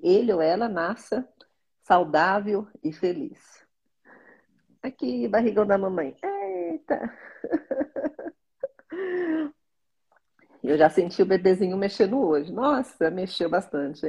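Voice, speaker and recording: A Brazilian woman in her forties talks in a casual, devout way from a small bedroom. Her voice is mellow and soft with a breathy edge. She reads slowly and earnestly, and she is pregnant. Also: mid-range voice, sing-song, muffled recording. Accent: Brazilian Portuguese. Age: 40s. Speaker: vlogger. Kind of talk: casual faith vlog with psalm reading.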